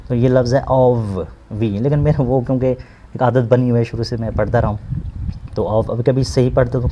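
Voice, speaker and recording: Man, English teacher, slow word-by-word explanation, warm dark voice. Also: medium pitch. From Pakistan. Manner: slow, explanatory, repeats words and gives synonyms. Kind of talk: English lesson, translating word by word.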